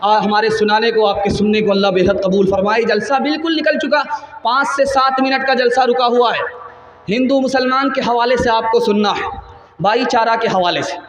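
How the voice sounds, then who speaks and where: A male Islamic preacher speaking rapidly to a gathering, telling comic examples and teasing the crowd to raise their hands. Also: extremely high pitch, fairly even intonation, fairly bright tone. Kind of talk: religious gathering speech with comic anecdotes. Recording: roomy echo, faint music behind.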